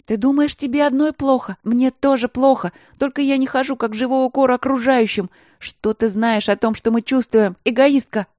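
A woman voicing a hot-tempered young princess who yells reproaches at her sister. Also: high-pitched, steady tone, moderate pace, hardly any pauses, no echo, studio quality, pitched above the performer's own voice, close to an everyday voice. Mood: angry. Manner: yelling, reproachful.

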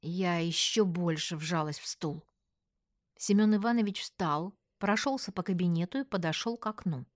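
A woman narrating a first-person story in an expressive, measured reading. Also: lowish voice, no echo, clean studio sound.

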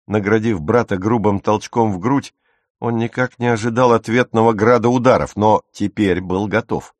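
A man narrating an audiobook with a lively, expressive reading on a close studio mic. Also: lowish voice, normal speed, no echo.

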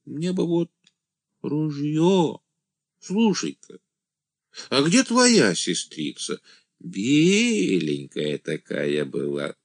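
A man voicing a simple-minded village man who calls himself an angel, speaking in a naive, drawn-out singsong. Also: on the high side, very animated, no room sound, clean studio sound, pitched above the performer's own voice, heavily acted. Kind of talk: audiobook character voice.

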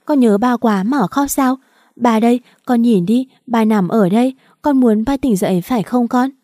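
A woman's voice: on the high side, moderate pace, warm tone, dry recording, clean studio sound, lightly acted. A woman voicing a young mother who pleads in tears at her husband's bedside, in an audiobook reading. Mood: soothing tearful. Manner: tearful, pleading.

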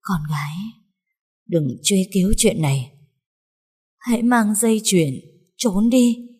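A woman voicing a dying older mother who speaks her last words in a faint, halting whisper. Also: medium pitch, lively intonation, mellow, husky, voice pushed up. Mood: fading. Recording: long reverb.

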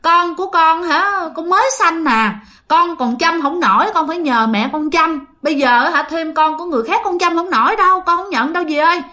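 A woman's voice: extremely high pitch, a little fast, bright, forceful tone, voice pushed up. A woman doing a pleading young new mother. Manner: pleading, flustered.

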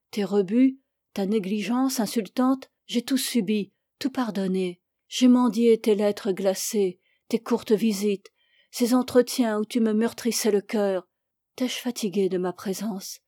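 A woman's voice: medium pitch, dark tone, dry recording, studio quality, lightly acted. A woman reading an audiobook, voicing an anguished young woman who is passionate and reproachful. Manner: impassioned, reproachful.

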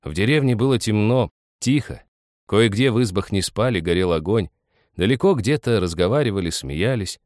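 Deep-voiced male audiobook narrator. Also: no echo, clean studio sound. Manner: calm, measured reading.

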